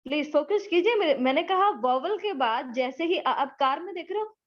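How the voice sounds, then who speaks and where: A woman teaching a spoken English class online, mixing English into Urdu and drawing out her English sentences slowly. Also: high-pitched, lively intonation, muffled recording. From Pakistan. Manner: mixes English into Urdu, slow drawn-out English sentences.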